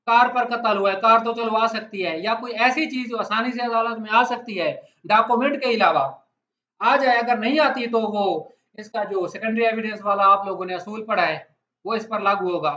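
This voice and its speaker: Lecturing on law with everyday examples, a Pakistani man addresses his listeners directly and quizzes them in a conversational way. His voice is strikingly high and forceful. An echoey room leaves the sound dull and lo-fi.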